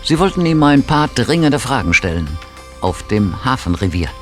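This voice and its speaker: A man with a mid-range voice narrates a scripted audio drama as its storyteller, sounding very animated at a normal speed over soft background music.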